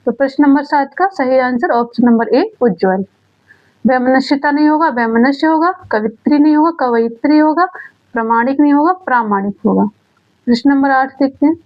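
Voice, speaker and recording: A woman teaching an exam-prep grammar lesson, asking questions and answering them herself, repeating key words slowly. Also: high voice. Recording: dull lo-fi sound.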